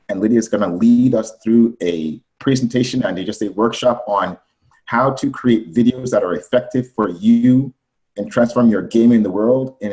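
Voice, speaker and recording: Man, webinar host, lowish voice, earnest rambling intro, video call. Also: a little mellow, poor audio.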